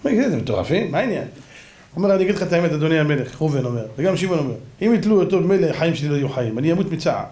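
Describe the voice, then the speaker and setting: A rabbi giving a storytelling sermon, acting out the characters with big swings in pitch and sudden shouts. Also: male voice, expressive, echoey room. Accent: Israeli Hebrew.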